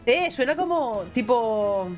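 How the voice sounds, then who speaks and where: Over faint game music, a woman with a Spain Spanish accent chats through her gameplay, full of exclamations and casual swearing. As a gaming streamer, she speaks slowly in a voice on the high side with lively intonation.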